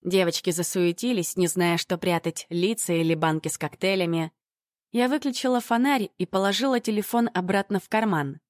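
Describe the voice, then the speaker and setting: A woman's voice: fairly low pitch, moderate pace, dry recording. Woman narrating a story, dry and close. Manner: even, storytelling delivery. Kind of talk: first-person audiobook narration.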